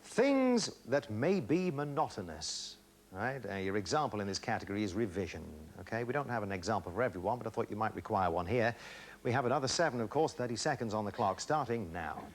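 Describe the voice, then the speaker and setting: A man's voice: lowish voice, lively intonation, a little fast, a little hiss or hum. A middle-aged man hosting a television game show with chatty, teasing banter in a studio.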